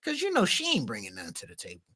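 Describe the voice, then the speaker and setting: A man's voice: mid-range voice, wildly swooping pitch, racing, bright, forceful tone, breathy edge. A man co-hosting a podcast, talking in a loose, slangy, rambling way full of fillers. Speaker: podcast co-host. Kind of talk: casual commentary chat.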